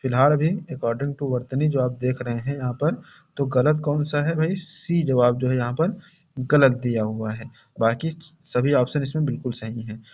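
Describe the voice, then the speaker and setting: A man's voice: mid-range voice, fairly even intonation, moderate pace. A man teaching an online Hindi exam-prep lesson, going over spellings again and again and calling his students brother and friends. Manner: repetitive, drills correct spellings, calls students "bhai" and "saathiyon". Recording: dull lo-fi sound.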